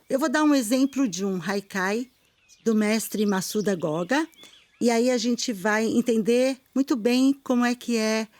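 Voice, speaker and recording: Calm Brazilian woman teaching poetry. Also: a little high, no echo. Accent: Brazilian Portuguese. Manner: calm, measured explanation, slowing to recite poems. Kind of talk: video lesson.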